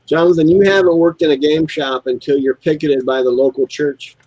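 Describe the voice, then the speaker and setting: A middle-aged American co-host builds models while telling shop stories in a casual chat, animatedly mimicking his customers. His voice is on the high side and brisk, with no echo but poor audio.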